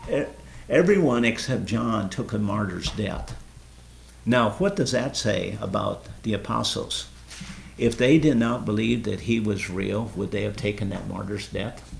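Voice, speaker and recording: Low, gravelly-voiced man as an earnest Bible study leader who explains and quizzes his group. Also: measured pace, a little hiss or hum. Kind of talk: informal Bible study teaching.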